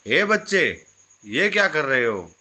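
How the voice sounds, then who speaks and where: Kind young man at a feast , read by a male narrator, gentle, slow, bright voice. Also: fairly high pitch, very animated, exaggerated voice. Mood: concerned.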